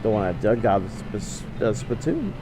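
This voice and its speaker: A man's voice: on the low side, big pitch swings, normal speed. A man giving let's play commentary, reading game text aloud and commenting as he plays. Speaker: gamer playing and narrating a video game. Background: game music with guitar.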